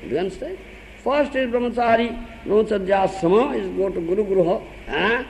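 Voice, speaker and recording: A man's voice: high-pitched, a little fast, vocal fry, long reverb tail, slight background noise, poor audio. An older man with an Odia accent, a spiritual teacher giving a sermon, laughing often and questioning his listeners.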